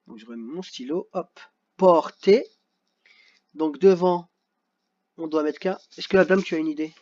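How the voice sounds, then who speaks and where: A man's voice: fairly high pitch, a little fast, warm tone, highs cut off. A male teacher patiently correcting a children's worksheet, sounding out syllables one by one.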